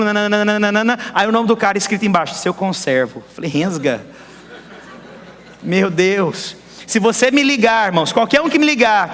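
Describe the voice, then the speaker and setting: A man preaching a lively sermon as pastor, firing rhetorical questions at the congregation. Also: high voice. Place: church hall. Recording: echoey church hall.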